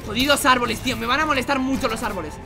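A young man from Spain with a Spanish accent, doing excited gameplay commentary, going from hushed whispers to shouts and repeating himself rapidly. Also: extremely high pitch. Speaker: gaming YouTuber. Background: music.

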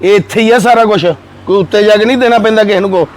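An actor playing a blunt village elder who lectures and scolds. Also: male voice, sits high, very fast, lightly acted. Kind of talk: village short film acting.

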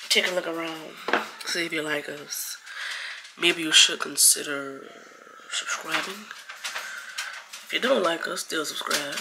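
Unhurried New mom vlogger. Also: female voice, lowish voice, gravelly, noisy background. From New Orleans. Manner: relaxed, chatty, rambling asides. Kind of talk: casual vlog talk to camera. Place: home, getting ready.

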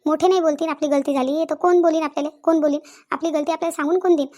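This woman's warm, high voice sounds close to everyday speech, racing along with fairly even intonation. She plays pushy, chatty village women in a Marathi comedy cartoon, speaking in a rural Vidarbha Maharashtrian accent, insisting and reasoning while repeating phrases.

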